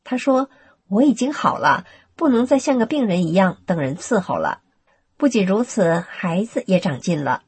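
A woman reading a first-person testimony aloud in a steady, earnest storytelling manner. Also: medium pitch, breathy edge, dry recording. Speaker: narrator.

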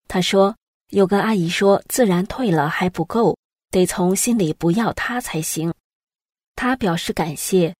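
A woman with a fairly low voice reads short news stories in an even, storytelling way. The sound is dry and close, with no room around her. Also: dry recording. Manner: even, storytelling read-aloud delivery. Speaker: news reader. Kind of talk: scripted news narration.

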